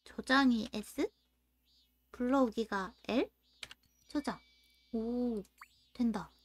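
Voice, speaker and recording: A woman's voice: fairly high pitch, very slow. Woman reading a game's story aloud. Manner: reads narration in a steady storytelling voice. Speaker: game streamer. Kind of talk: let's-play reading game text aloud.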